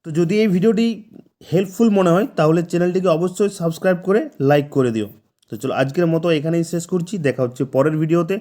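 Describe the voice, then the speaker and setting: Guy teaching grammar, high voice, patient, repeats words bit by bit. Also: quick pace, dark tone. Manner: patient, repeats words syllable by syllable, asks "ঠিক আছে?". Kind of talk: spoken lesson explaining examples.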